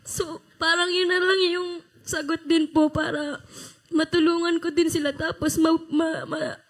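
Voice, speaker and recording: Young woman guest, really high voice, halting, kinda teary. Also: level tone. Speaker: show guest.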